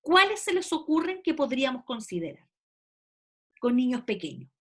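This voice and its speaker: A woman's voice: high voice, sing-song, moderate pace, a bit bright. A woman teacher explaining grammar to a class step by step, often checking understanding. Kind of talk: classroom lecture.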